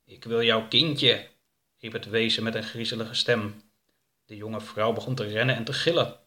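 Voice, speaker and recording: A man narrating a storybook in a calm, steady way. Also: lowish voice, moderate pace.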